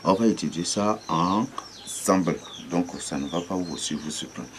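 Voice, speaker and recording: A man gives an informal Bible teaching, repeating himself, pausing, and spelling words out letter by letter. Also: low voice, a little hiss or hum. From Chad. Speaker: religious teacher.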